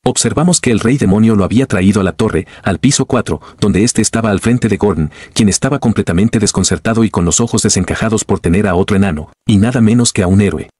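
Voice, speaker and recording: Husky low-voiced male narrator. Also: quick pace, few pauses, dry recording, studio quality. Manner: steady, dramatic storytelling. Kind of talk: scripted story narration.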